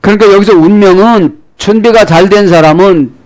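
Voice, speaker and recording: A man's voice: high-pitched, moderate pace, a little mellow. A middle-aged male pastor preaching a sermon, often prompting the congregation with a questioning "eh?" between points. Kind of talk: sermon with Greek word study.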